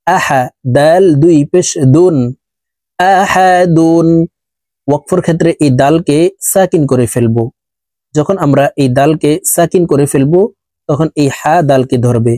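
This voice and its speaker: A man teaching Quran recitation, spelling out letters and vowel marks one by one, then chanting the words slowly, with brisk explanations in between. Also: on the high side, dark tone, dry recording. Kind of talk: slow spelled-out recitation lesson.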